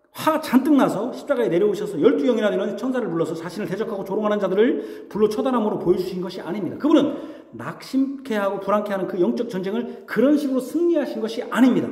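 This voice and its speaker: A man's voice: sits high, mellow. A man preaching a sermon as pastor. He talks conversationally, puts questions to the congregation and acts out mocking voices. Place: church sanctuary. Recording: echoey hall reverb.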